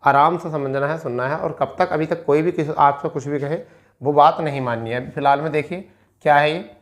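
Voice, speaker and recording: A briskly paced man with a fairly high voice and an Indian accent presents an educational video from an on-screen document. He explains things casually, repeating lines, answering his own questions, and slipping in English terms.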